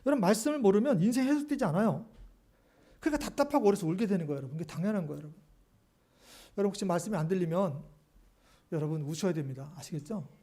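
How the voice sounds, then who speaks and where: A man's voice: sits high, lively intonation, rapid-fire, pauses often, mellow. A male pastor preaching a sermon, speaking animatedly to the congregation and often asking rhetorical questions.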